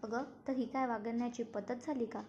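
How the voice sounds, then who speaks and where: A woman's voice: on the high side, fairly even intonation, fairly quick, a little mellow, lightly acted. A woman voicing a stern, scolding middle-aged father in a spoken serial recap, in a slightly muffled recording. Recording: slightly muffled, faint noise.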